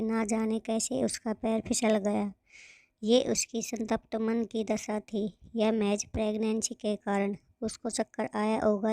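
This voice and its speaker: A woman narrating a moral story in a steady, scripted reading. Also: fairly high pitch, dry recording.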